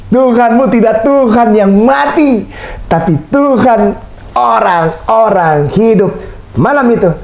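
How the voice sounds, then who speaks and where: Woman, sermon, emphatic and dramatic, fairly high voice, mellow tone, roomy echo. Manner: emphatic, dramatic, asks questions. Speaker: religious speaker. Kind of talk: sermon to a new convert.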